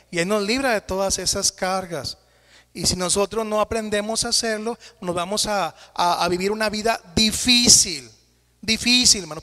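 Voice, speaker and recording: Brief: male pastor, high-pitched voice, folksy sermon, heavy church-hall reverb. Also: fairly bright tone. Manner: folksy, repeatedly addresses listeners as brothers.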